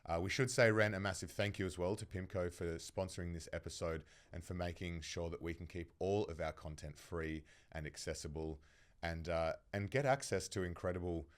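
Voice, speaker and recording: An Australian man co-hosting a podcast, reading sponsor details and asking questions in a brisk way. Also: low voice. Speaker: podcast co-host.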